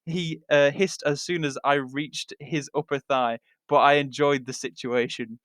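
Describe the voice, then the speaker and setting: Man, mock dramatic reading, mid-pitched voice, amused, stumbling delivery, dry recording. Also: fairly even intonation, measured pace, a bit bright, dry recording. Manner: amused, often breaking into laughter and stumbling over the text. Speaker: reader of fan fiction.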